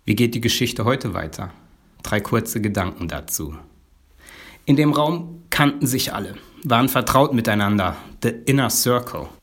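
A man preaching a storytelling sermon at a measured pace, with dramatic pauses, often sinking to a low, quiet voice. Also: expressive, breathy edge.

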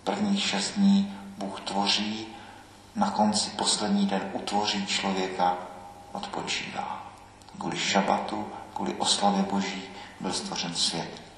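A man giving a measured, reflective sermon as a priest, often pausing with hesitations. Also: sits low, flat delivery, a bit bright, slight background noise. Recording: echoey church hall, faint ambience.

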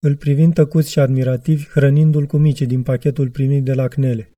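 A male reader narrating a literary audiobook in a measured, reflective manner. His voice is very dark and mellow. It is recorded close and dry. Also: mid-range voice, little pitch movement, dry recording.

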